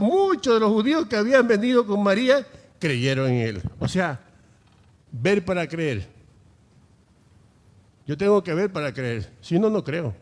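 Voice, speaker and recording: A man's voice: high-pitched, in a large hall. A male pastor preaching a sermon, emphatic and full of rhetorical questions.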